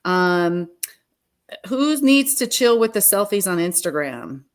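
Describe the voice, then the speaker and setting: Lady doing casual rapid fire questions on a sports fan show, slightly low voice, super swingy pitch. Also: big pitch swings.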